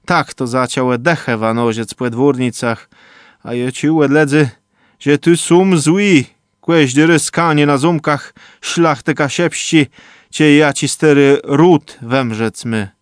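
A man's voice: a little high, slow pace, clear, resonant tone, no room sound, clean studio sound, voice pushed up. Grave doom-warning old man voiced by a male reader, tinged, slightly raised voice.

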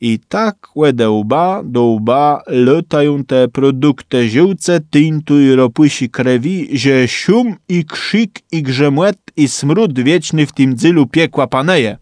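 Slow Kashubian man reading a tale. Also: medium pitch, animated, darkish tone, no echo. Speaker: storyteller. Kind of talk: reading a folk tale aloud.

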